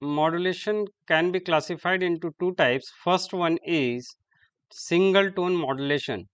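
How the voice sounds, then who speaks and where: A man giving a classroom lecture, halting and repeating terms as he writes on the board. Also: high voice, smooth, lo-fi sound.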